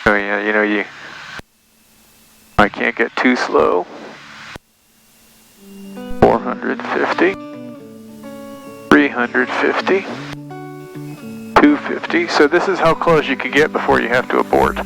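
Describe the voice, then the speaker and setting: A man's voice: medium pitch, very animated, slow pace, creaky, long pauses, fairly bright tone, faint music behind, poor audio. A man who is a pilot, chatting casually and explaining the instruments to his passengers.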